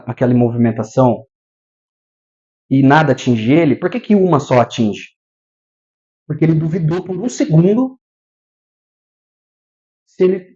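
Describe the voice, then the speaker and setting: A man with a Brazilian Portuguese accent giving a spiritual lecture in an animated way, acting out scenes with sound effects. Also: on the high side. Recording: dull lo-fi recording.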